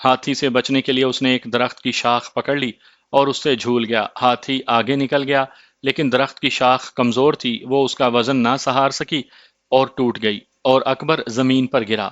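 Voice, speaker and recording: Give me a man reading a horror tale in a measured voice, muffled and dry. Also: medium pitch, steady tone, fairly bright tone, no room sound. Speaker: storyteller. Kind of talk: scripted horror narration.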